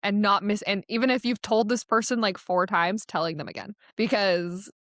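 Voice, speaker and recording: A woman's voice: mid-range voice, fairly even intonation, moderate pace, fairly bright tone, no room sound. Young woman, casual interview guest, laughs easily, dry studio sound. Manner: chatty, laughs often. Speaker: guest, associate director of athletics marketing.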